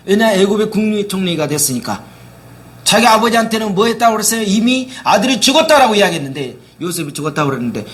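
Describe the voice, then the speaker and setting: A pastor with a high-pitched voice preaches a sermon, constantly putting rhetorical questions to his listeners. He dramatically acts out the words of biblical figures.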